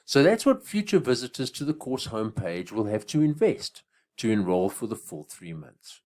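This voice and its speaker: A man, a business coach delivering a scripted sales pitch that builds up to each price drop. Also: big pitch swings, moderate pace, a little mellow. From Africa. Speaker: business coach selling an online course.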